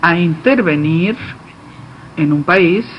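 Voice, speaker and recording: A man giving live simultaneous interpretation of a political speech, delivered haltingly, phrase by phrase. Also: fairly high pitch, expressive. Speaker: conference interpreter. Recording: dull lo-fi feed, faint background noise.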